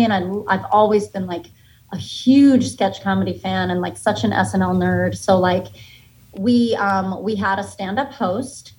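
Poor audio captures a medium-pitched woman, an American stand-up comedian in her thirties from Massachusetts and Florida. As a podcast guest in an interview, she chats casually and candidly and jokes around playfully.

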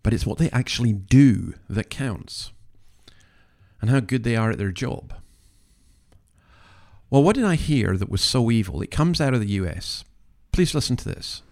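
A man's voice: medium pitch, animated, normal speed, gravelly, pauses often, a little mellow. Earnest man giving opinionated commentary. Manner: emphatic, earnest, moralising, with rhetorical questions. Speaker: commentary podcast host.

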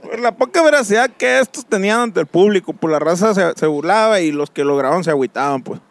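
A man's voice: high-pitched, lively intonation, fast, no echo. A man hosting a casual podcast, telling a story with slang and mock-formal phrasing. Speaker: podcast host.

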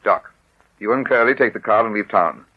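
An actor playing a cold, commanding criminal boss in an old-time radio crime drama, terse in manner. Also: male voice, on the low side, moderate pace, husky. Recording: dull, slightly noisy old radio recording.

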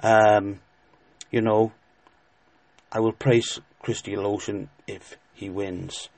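A man giving informal horse racing tips as a tipster, emphatic and repeating words for stress, with a halting delivery. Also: lowish voice, little pitch movement, a little mellow, no room sound. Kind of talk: informal betting tips commentary.

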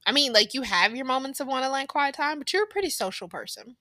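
Woman podcast host, bright tone, dry close mic, chatty and laughs a lot. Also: high voice, quick pace, no room sound. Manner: laughs often, chatty and animated. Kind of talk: casual family chat.

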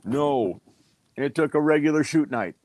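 A man's voice: fairly high pitch, lively intonation, unhurried, a little mellow, dry recording. An older man, an actor guest, telling rambling anecdotes in a casual interview.

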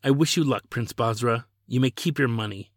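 A man's voice: mid-range voice, moderate pace, no echo, studio quality, natural voice. A man voicing a proud young woman who coolly turns down a suitor, curt and disdainful.

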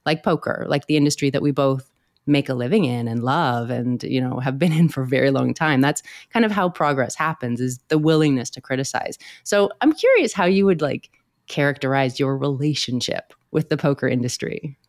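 Creaky, hoarse low-voiced woman hosting. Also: expressive, a little fast, no room sound, clean studio sound. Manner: laughs easily, playful. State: hoarse from bronchitis. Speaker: podcast host. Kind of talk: casual, chatty interview.

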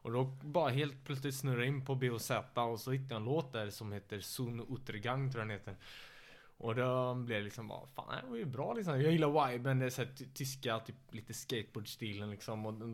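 Young MMA fighter chatting loosely. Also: male voice, medium pitch. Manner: relaxed, loose, lots of filler words. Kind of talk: casual podcast chat.

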